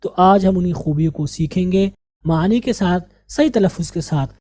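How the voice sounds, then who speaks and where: A woman English teacher with an Indian Urdu-speaking accent, explaining grammar and drilling vocabulary slowly, repeating each word. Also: on the low side, dark tone, no room sound. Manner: slow, drilling pronunciation and repeating words.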